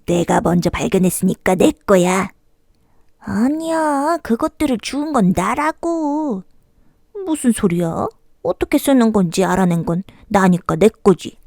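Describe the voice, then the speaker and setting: A stubborn little monkey from a children's fairy tale, acted out by a woman, argues insistently. The delivery is animated, pitched as reading to a toddler, with a dry, close sound. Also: moderate pace, hardly any pauses, no echo. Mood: insistent, bickering. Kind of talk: children's storybook character voice.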